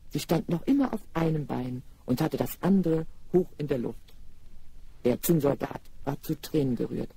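Lively fairy-tale narrator, man. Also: on the high side, moderate pace, vocal fry, slightly rough. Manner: lively, addresses listeners directly. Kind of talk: storytelling narration for children.

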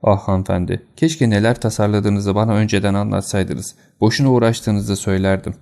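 A loyal, plainspoken housekeeper speaks in a confiding way, voiced by a man reading aloud. The voice stays deep and dark, close to the narrator's own. It has a gravelly, creaky texture. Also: steady tone, normal speed. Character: loyal middle-aged housekeeper woman, plainspoken.

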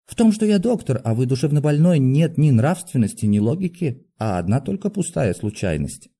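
A man voicing a meek, gentle middle-aged male doctor who speaks softly and apologetically. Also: mid-range voice, sing-song, moderate pace, husky, voice pushed up. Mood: placating. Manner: soft-spoken, apologetic.

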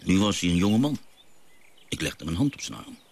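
An actor playing a gentle father and naturalist who tells stories of his sea voyage, in a radio drama. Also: sits low, big pitch swings, normal speed, slight background noise.

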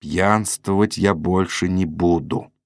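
A man's voice: fairly low pitch, expressive, takes it slowly, dry recording, clean studio sound. A male narrator voicing a gloomy, restless young man who questions and pleads earnestly in an audiobook. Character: brooding troubled young merchant man.

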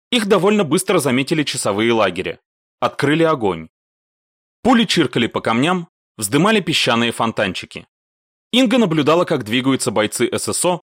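A man narrating a military audiobook in an expressive, animated way. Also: mid-range voice, dry recording, clean studio sound. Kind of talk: scripted narration.

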